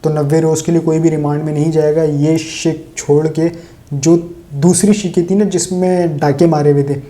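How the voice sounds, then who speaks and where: Very dark-voiced sarcastic male commentator. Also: a little high, level tone. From Pakistan. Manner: sarcastic, opinionated, addresses viewers directly. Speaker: political commentary host. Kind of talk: solo political commentary.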